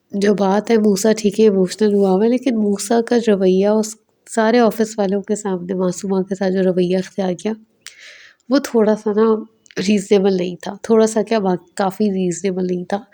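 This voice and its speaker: A woman with a Pakistani Urdu accent talks through a drama episode in a relaxed, conversational recap. Her tone is mellow and warm, at a middle pitch. Now and then she slips into the characters' lines as she retells the scenes. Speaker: drama reviewer.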